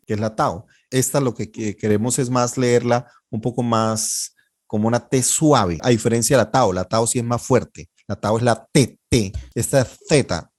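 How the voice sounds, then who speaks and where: Patient man teaching Greek, mid-pitched. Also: a little mellow. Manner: patient, repeats words slowly for students to echo. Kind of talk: online class, drilling pronunciation and explaining grammar.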